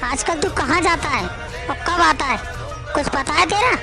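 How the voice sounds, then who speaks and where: Woman voicing an older mother-in-law, stern, reproachful, prying, high voice. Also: lively intonation, moderate pace, creaky, music in the background.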